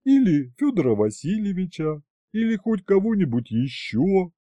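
A man's voice: high-pitched, sing-song, normal speed, dark tone, no room sound, voice pushed up. A man voicing a hungry, mischievous young female dragon who talks eagerly.

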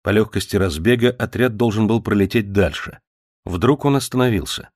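A man reading a literary novel aloud as narrator, in a measured, even storytelling manner. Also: lowish voice, no room sound, studio quality. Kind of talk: audiobook narration.

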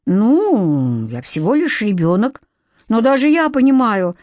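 A woman's voice: a little high, very animated, measured pace, a little mellow, no echo. A woman voicing a bold, outspoken twelve-year-old boy. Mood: defiant. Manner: brash, indignant.

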